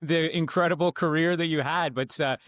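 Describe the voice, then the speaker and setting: A man's voice: fairly high pitch, steady tone, moderate pace, fairly bright tone, dry recording. A man hosting an interview, asking long, rambling questions full of restarts and fillers. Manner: rambling, many uhs and restarts. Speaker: podcast host.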